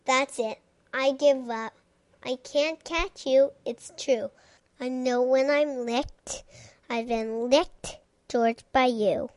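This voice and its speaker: A woman voicing a flustered woman who keeps chasing her runaway dog, with shrill high cries, in a picture book read-aloud. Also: takes it slowly, a little mellow. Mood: defeated.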